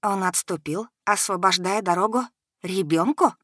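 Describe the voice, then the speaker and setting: A woman reading a fantasy audiobook in a measured, even way. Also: mid-range voice, no room sound, clean studio sound. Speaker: narrator.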